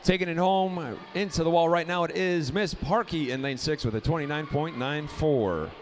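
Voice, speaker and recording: A man's voice: a little high, slight background noise. A man announcing and calling races at a swim meet, reading lane after lane of names and times. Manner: rapid lane-by-lane roll call, rising excitement on close finishes.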